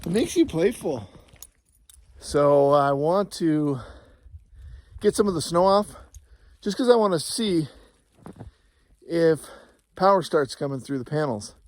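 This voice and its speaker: A middle-aged man vlogs in a relaxed, chatty way while standing out in the snow by his trailer. His voice sits a little higher than most men's, and he's a bit out of breath from the cold, with a dog close by. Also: takes it slowly, pauses often, dry recording. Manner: chatty, talks to his dog between remarks. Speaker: RV vlogger. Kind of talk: casual vlog chat to camera. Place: outdoors in snowy mountains beside a travel trailer. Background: dog nearby.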